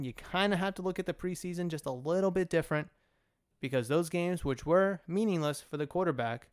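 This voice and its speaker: Opinionated man with a smooth voice. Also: fairly high pitch. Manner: opinionated, rambling, self-correcting. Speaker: podcast host. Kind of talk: solo sports talk podcast.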